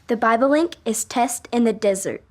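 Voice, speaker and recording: A woman's voice: a little high, moderate pace, a little mellow, natural voice. An actress playing a sensible, helpful young woman in a kids' show, earnest and explanatory. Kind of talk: scripted kids' show acting.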